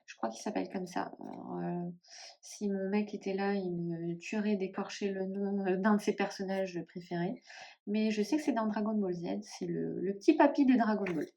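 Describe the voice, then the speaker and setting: A woman with a northern French accent chatting casually to camera about tarot decks, often pausing and trailing off as she searches for names. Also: medium pitch, vocal fry, dark tone. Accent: northern French (Ch'ti). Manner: hesitant, musing, many fillers and trailing off. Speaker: tarot vlogger.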